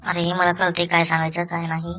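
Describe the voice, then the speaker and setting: Woman as a stern cartoon schoolmaster, low and flat, fast scolding over music. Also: close to an everyday voice. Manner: scolding, rapid. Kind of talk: cartoon voice acting. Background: background music.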